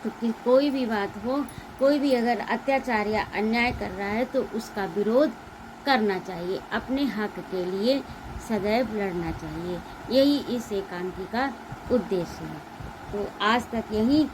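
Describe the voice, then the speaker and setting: A woman's voice: medium pitch, measured pace, background noise. A Hindi teacher reading a one-act play aloud and explaining its lesson to her students.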